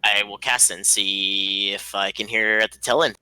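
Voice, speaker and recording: A man's voice: fairly low pitch, steady tone, normal speed, bright, forceful tone, smooth, no room sound, poor audio. A man playing a tabletop game, jokey and punchy in casual table talk. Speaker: player.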